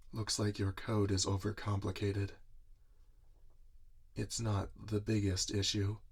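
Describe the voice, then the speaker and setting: In a soft-spoken ASMR roleplay, a man voices a gentle, earnest monster inventor looking after his robot creation, speaking in a soothing, deliberate, reassuring way. His full character voice sits on the low side with some creak. Computer keyboard typing and clicks are audible in the background.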